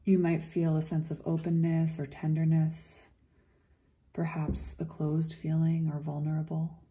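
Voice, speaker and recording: Guiding listeners through meditation, this woman has a low, very soft voice that sounds dark and relaxed. She never hurries, speaking gently and letting long, calming silences fall between phrases.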